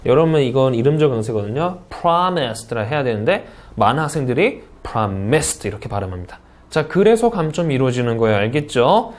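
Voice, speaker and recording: Man, Korean, English test teacher, online lecture, lively, asks questions and answers them, middle pitch. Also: fairly quick. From South Korea. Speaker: English speaking test instructor.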